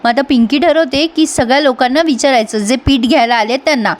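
A woman's voice: high voice, brisk. A woman reviewer recapping a serial episode in a chatty storytelling manner, addressing viewers directly.

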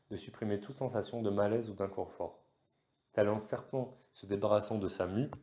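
Male audiobook narrator with a low, mellow voice; steady, measured novel reading.

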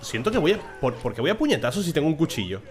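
A man's voice: on the high side, fast talker, a little hiss or hum. Young guy streaming a game, casual, cusses a lot, talks into a desk mic. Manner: casual, swears, shouts excitedly at the game. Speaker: gaming streamer. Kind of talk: live gameplay commentary.

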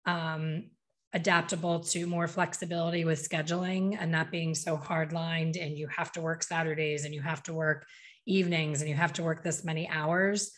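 A hair color educator in her fifties talks animatedly in a casual video call interview from a small, bright room at home, using a desk microphone. Her voice is low-pitched and fairly bright, flat in delivery at a moderate pace, and she gestures with her hands and acts out what people say.

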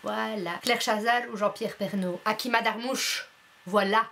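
A woman's voice: mid-range voice, steady tone, measured pace, creaky, pushed and bright. A young woman from Belgium, chatting bluntly and playfully as she answers a casual vlog questionnaire from her bedroom, full of fillers. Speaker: YouTuber.

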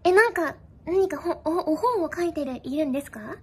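A young woman streamer chats casually with her viewers in a high, light voice. She is playful and giggly and keeps tossing in bits of English. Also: lively intonation, moderate pace. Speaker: live streamer.

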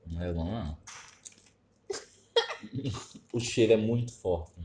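A man hosting a relaxed, joking snack-tasting chat while chewing. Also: fairly low pitch, slow. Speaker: host. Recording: noisy background.

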